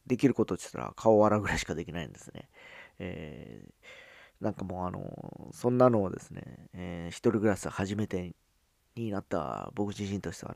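A man with a Hakata accent talks casually on his own, stopping often on filler sounds. His voice sits low and has a gravelly, fried edge. The sound is dry, with no room echo. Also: a little mellow. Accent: Hakata dialect. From Fukuoka, Japan. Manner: halting, with frequent "um" fillers and drawn-out phrase endings. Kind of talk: casual spoken monologue.

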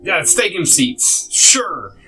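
A man's voice: high voice, very animated, takes it slowly, over music, low-quality recording. A man narrating a tabletop game as game master, casual and rambling, with many fillers and small laughs.

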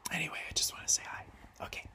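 A man whispering as a timid, awkward horse whisperer in a giggly, whispered role-play comedy sketch over a video call. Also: background noise.

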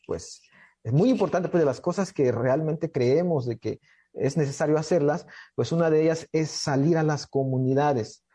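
A man from Chiapas with a Mexican Spanish accent, a community radio producer, explaining his station's work in a hesitant way, with many filler pauses. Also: medium pitch, mellow. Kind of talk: casual explanatory talk.

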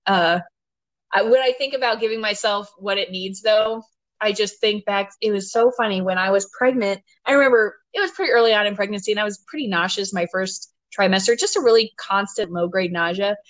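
A woman's voice: mid-range voice, dry recording. A woman hosting a podcast, chatting casually, with a talkative manner, frequent laughs and many "you know" fillers. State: ten months postpartum. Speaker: podcast host and doctor.

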